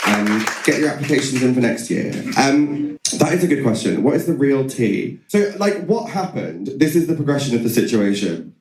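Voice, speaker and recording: A man telling casual comic stories on stage in an animated, camp manner. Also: medium pitch, normal speed, far from the mic, a little hiss or hum. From United Kingdom. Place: live show venue in Edinburgh. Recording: echoey live venue.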